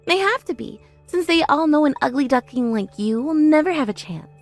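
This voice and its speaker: Haughty older sister, thirties, vain and spiteful, very high-pitched played by a woman, for a scripted story drama. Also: lively intonation, a little fast, faint music behind. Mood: smug. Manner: haughty, taunting, self-praising. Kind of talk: scripted audio story dialogue.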